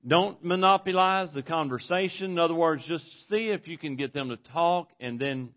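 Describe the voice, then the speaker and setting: A man preaching a sermon in an earnest manner, swinging between forceful and hushed delivery. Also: a little high, moderate pace. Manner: earnest, varies volume widely, from forceful to hushed. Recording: dull lo-fi recording.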